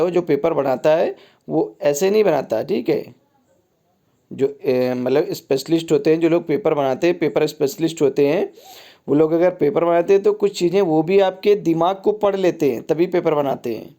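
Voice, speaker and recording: A man leads a recorded exam-prep lesson, going through words one by one. His voice is a little high but soft and warm in tone. He repeats each point and keeps checking in with his listeners. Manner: repetitive teacher, keeps saying "ठीक है" and contrasting wrong and right forms. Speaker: Hindi exam tutor.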